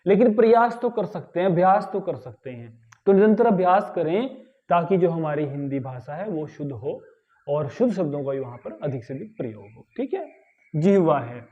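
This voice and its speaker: A high-pitched man gives a grammar lesson, stretching out words one at a time to show how they should be said. He keeps asking whether his listeners have followed. The recording sounds slightly dull and lo-fi. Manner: repeats words slowly to correct pronunciation, asks "ठीक है?". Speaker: Hindi grammar teacher. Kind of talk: spoken lesson.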